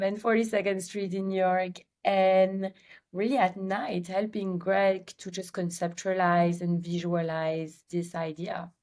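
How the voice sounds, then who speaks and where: Belgian-accented woman telling her story. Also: fairly low pitch. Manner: lively storyteller with many filler ums. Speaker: guest, company CEO. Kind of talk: casual interview chat.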